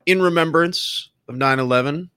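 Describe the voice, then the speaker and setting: A man co-hosting a casual talk show, relaxed and earnest, with dry jokes. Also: on the high side, normal speed, clear, resonant tone, no room sound. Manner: relaxed, earnest, joking aside. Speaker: show co-host.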